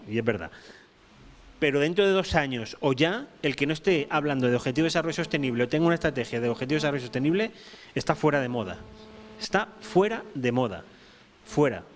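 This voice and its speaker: Emphatic man at a panel. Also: mid-range voice. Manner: emphatic, repeats points, many restarts. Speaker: panel speaker. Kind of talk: round-table talk.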